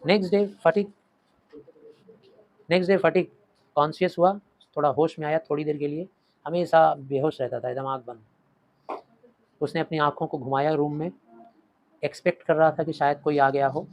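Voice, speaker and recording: A man teaching a short story in Hindi, reading English lines with an Indian accent and acting out quoted lines before dropping to quiet asides. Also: a little high, poor audio. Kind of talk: explaining a story in Hindi lecture.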